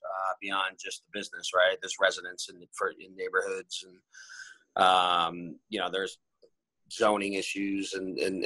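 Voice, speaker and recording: Deep-voiced and sharp in tone, a man in his forties who runs a restaurant group gives rambling, filler-heavy interview answers with many restarts. He's on a video call via laptop camera from a bright room at home, and the audio is poor with no room sound.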